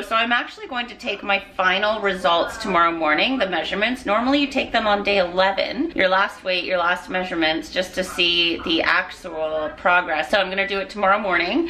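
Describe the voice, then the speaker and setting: A woman's voice: on the low side, pushed and bright. A woman who works in nutrition, chatting casually and upbeat to her vlog audience. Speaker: nutrition vlogger.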